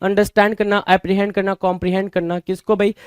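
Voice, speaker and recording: A man's voice: sits high, flat delivery, quick pace, clean tone, no echo, studio quality. A man teaching vocabulary for an exam-prep lesson with an Indian English accent, repeating words and posing rhetorical questions to his students. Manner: repetitive, rhetorical questions, addresses students as "bhai".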